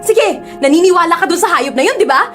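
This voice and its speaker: A woman's voice: very high voice, lively intonation, fast talker, music in the background. A woman voicing an emotional, tearful young student who is a younger sister, in an audio drama. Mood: furious. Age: young adult. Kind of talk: Tagalog audio drama acting.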